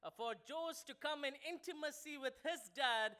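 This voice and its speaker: A man with a Malayalam accent interpreting a sermon into English. He pauses a lot, says "uh" often and keeps adding "over there". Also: very high-pitched, pushed and bright.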